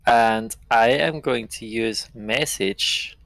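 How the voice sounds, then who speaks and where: Slow-paced man playing a tabletop game. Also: medium pitch, fairly bright tone, no room sound. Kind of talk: casual, deliberate game talk.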